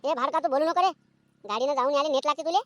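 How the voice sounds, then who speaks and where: A woman voicing a sharp-tongued, nagging village mother in a cartoon comedy. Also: high-pitched, no room sound, lightly acted. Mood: scolding. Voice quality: nagging, scolding, rapid-fire.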